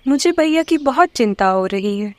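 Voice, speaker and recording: A woman's voice: sits high, lively intonation, normal speed. A woman voicing an anxious young sister in a cartoon story, worried and uneasy.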